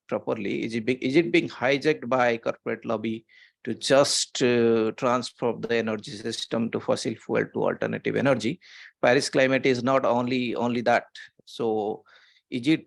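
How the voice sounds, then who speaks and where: A man on a video call asks his question in a hesitant, halting way, full of fillers and restarts. His voice has a gravelly edge, and the sound is close and dry. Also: medium pitch, no room sound. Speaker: panelist. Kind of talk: online panel discussion.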